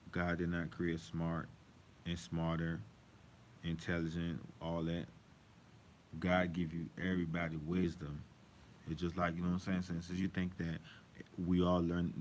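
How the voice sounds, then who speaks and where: A man talking in a casual, rambling monologue, emphatic and repetitive. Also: low-pitched. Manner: rambling, emphatic, repeats himself. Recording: faint background noise.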